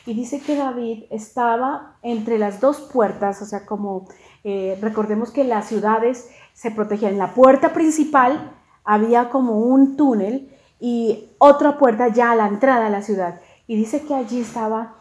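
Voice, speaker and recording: Woman preacher, lively sermon storyteller, high, mellow voice, echoey room. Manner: animated retelling, with restarts and voiced quotes.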